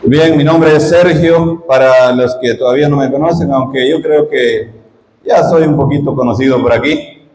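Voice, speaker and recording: Background noise is slight as a middle-aged Guatemalan man, a lay missionary, speaks at a moderate pace in a medium-pitched, darkish voice. He teaches conversationally during a parish retreat, putting questions to his listeners in an echoey church hall.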